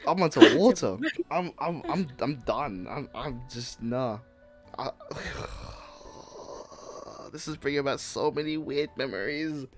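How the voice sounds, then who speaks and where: A man's voice: medium pitch, animated, slow pace, faint music behind. A man hosting a casual podcast chat, rambling with repeated words and frequent laughs. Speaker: podcast host.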